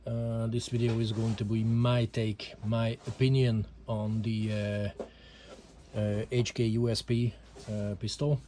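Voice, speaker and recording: An amateur reviewer from Hungary, whose first language isn't English, talks hesitantly about a handgun in a casual home video, leaning on many fillers. His Hungarian-accented voice is on the low side, warm and flat, a little slow, with slight background noise.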